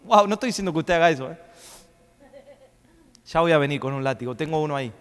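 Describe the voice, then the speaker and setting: A man preaching a sermon as pastor, swinging between loud, rising questions and quick asides. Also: fairly high pitch, animated, smooth. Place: church hall. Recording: long reverb of a church hall.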